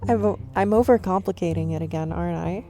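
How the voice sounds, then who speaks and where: A woman voices a nervous, shy young stranger at a cafe for an ASMR roleplay, her lowish, mellow voice moving at a quick pace. Lightly acted, she rambles, overthinks and doubts herself self-consciously, with faint music underneath.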